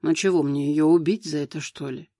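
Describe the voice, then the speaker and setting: A worn-out, passive young husband, read by a man in an audiobook. He speaks flatly and without energy, sounding tired and indifferent. The recording is dry and close. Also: a little high, a little fast, no echo, lightly acted.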